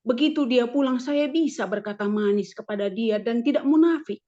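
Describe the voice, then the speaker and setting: A woman in her fifties gives a personal testimony to a congregation. She speaks in a high voice and tells her story in a lively way, acting out her prayers and arguments. The recording sounds muffled and lo-fi. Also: moderate pace. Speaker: religion teacher giving a church testimony. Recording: dull lo-fi recording.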